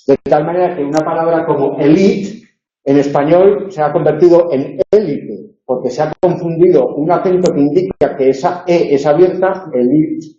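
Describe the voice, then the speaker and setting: A male university tutor lectures in a mellow, dark voice that sits fairly high. He explains step by step and keeps checking that his listeners agree. The room echoes, and the recording sounds dull and lo-fi. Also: fairly even intonation, brisk, hardly any pauses.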